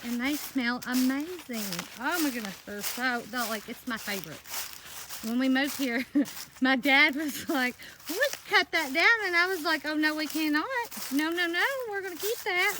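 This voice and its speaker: A woman's voice: sits high, noisy background. A woman chatting casually in a rambling vlog, laughing often. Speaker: homesteading vlogger. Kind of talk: casual walk-and-talk vlog.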